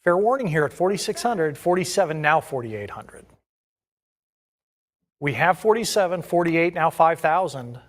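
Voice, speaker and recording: A man's voice: a little high, sing-song, normal speed. A man working as an auctioneer, calling bids in a repetitive chant of numbers and increments.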